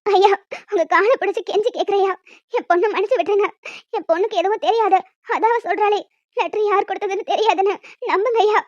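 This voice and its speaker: A woman's voice: very high voice, quick pace, dry recording. A performer voicing a desperate, poor mother who cleans at a school, in a cartoon. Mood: pleading. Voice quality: pleading, then scolding shrilly. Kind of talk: cartoon voice acting. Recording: dull lo-fi dry recording.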